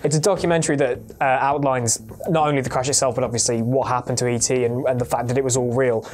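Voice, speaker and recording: A panellist on a gaming show tells a story casually, explaining in earnest detail and frequently correcting himself. His mid-range voice is steady, a little mellow, and fast.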